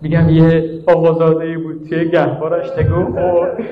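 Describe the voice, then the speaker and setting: A man preaching a mourning sermon, telling the story with passion, swinging between loud cries and hushed prayer, and chanting recitations. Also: on the high side, monotone. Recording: echoey, dull lo-fi room recording.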